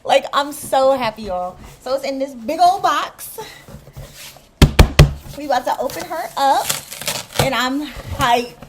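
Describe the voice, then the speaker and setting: A young woman, chatting excitedly through a casual unboxing vlog and calling her viewers y'all. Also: high-pitched, takes it slowly, pauses often, very noisy. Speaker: vlogger.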